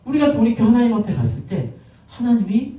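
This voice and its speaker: Lively high-voiced pastor in an echoey church. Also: male voice, brisk. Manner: chatty, asks the congregation questions, acts out scenes. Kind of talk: conversational sermon. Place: church sanctuary. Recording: echoey, distant, dull lo-fi sound.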